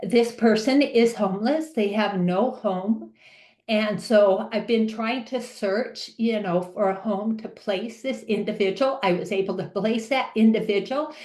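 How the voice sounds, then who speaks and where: A woman speaking as a live interpreter, voicing a deaf advocate's question on a webinar in halting speech with restarts. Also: medium pitch, darkish tone, reverberant. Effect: live sign language interpreter voicing a deaf participant's question.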